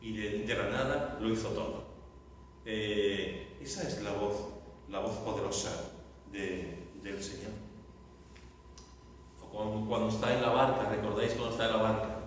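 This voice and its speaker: A man's voice: lowish voice, moderate pace, long pauses, a little hiss or hum. A man preaching a sermon, dramatic and repetitive, raising his voice for emphasis. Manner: dramatic, repeating phrases, shouting for emphasis. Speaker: pastor. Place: large echoey church hall. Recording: echoey hall recorded from far off.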